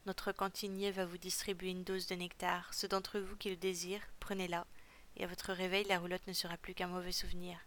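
Storybook villain: a cold, cruel male captor chief, low and flat-toned, as a woman narrator puts him on. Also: a little fast, close to an everyday voice. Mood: cold menace. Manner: cold, menacing.

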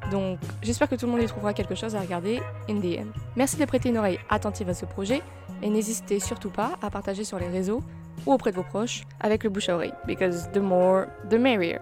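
A woman's voice: mid-range voice, fast talker, over music. A woman hosting a casual film review podcast, chatty, mixing English phrases into her talk. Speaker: podcast host.

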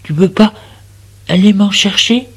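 A man's voice: high voice, measured pace, breathy edge, pitched above the performer's own voice, exaggerated voice. A man voicing an anxious, weary young man who pleads and sulks in a spoken story. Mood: pleading. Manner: plaintive, self-pitying.

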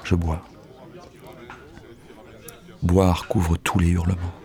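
A bitter, crude poet, lonely and lovesick in an audio drama. The voice sits very low and flat, with little rise or fall, and the delivery is curt and gruff, slipping into hushed, half-whispered passages. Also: male voice, takes it slowly. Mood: brooding, weary. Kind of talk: poetic audio-drama monologue.

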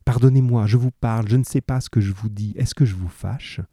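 A man reading aloud the lines of a young man in love, soft and halting as he confesses. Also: mid-range voice, slightly rough, dry recording, clean studio sound. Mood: tender.

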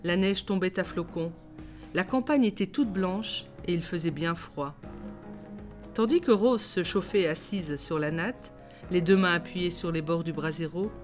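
A woman reading a traditional tale aloud in a measured, expressive storytelling voice. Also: fairly low pitch. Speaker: reader. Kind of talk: storybook narration. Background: faint music.

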